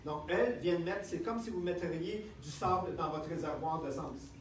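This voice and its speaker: Speaking to an audience in a lecture room, a Canadian health speaker with a high voice and Quebec French accent gives a lively seminar talk, checking in with the crowd constantly. He talks at normal speed; the distant mic picks up echo, faint ambience, and slight background noise.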